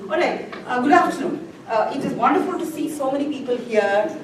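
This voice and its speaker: A woman with a high, brisk voice and lively intonation gives a chatty, self-deprecating informal talk about composting in a library room. The recording is noisy and echoey, captured far from the mic.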